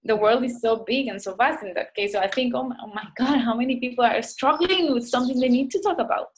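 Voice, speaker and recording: A woman from Costa Rica, a doctor appearing as a guest, talks fast in a voice that's a little high. Her conversation is reflective, and she searches for words with many restarts.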